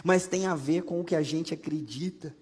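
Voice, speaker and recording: High-voiced Brazilian pastor in echoing church. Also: male voice, normal speed, darkish tone, breathy edge. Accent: Brazilian Portuguese. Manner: conversational, humorous preaching with rhetorical questions. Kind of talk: sermon. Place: church sanctuary. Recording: long hall reverb from a church.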